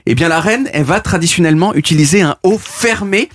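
A man's voice: fairly high pitch, fast talker, no room sound. A man delivering a playful, mock-boastful explanatory radio chronicle in a studio. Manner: animated, mock-boastful, demonstrative. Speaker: radio columnist.

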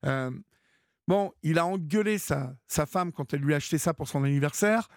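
A man's voice: on the high side, fairly quick, no echo, clean studio sound. A man hosting a late-night call-in radio show, talking in a hesitant, encouraging way with many fillers. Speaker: radio host.

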